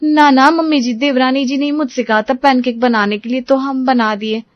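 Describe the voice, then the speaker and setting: A woman's voice: sits high, fairly even intonation, normal speed, dry recording, muffled recording, lightly acted. A woman voicing a simple, earnest young village bride in a cartoon, who halts and stumbles over English words. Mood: apologetic.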